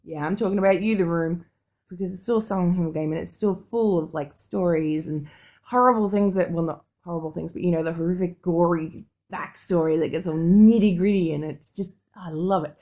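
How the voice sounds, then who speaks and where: A woman with a lowish, dark-toned voice co-hosts a podcast, talking a little fast. Her casual chat is enthusiastic, blunt and full of slang.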